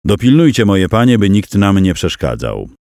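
A stern medieval churchman giving firm orders, played by a man reading an audiobook. His deep voice swings with lively emphasis, recorded close and dry. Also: moderate pace, dry recording. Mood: commanding. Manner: commanding, firm. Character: middle-aged male bishop-nominee, stern and commanding.

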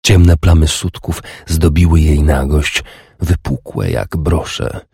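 Very deep, gravelly male narrator. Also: steady tone, warm tone, dry recording, clean studio sound. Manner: slow, measured, sensual reading. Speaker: audiobook narrator. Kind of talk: scripted narration.

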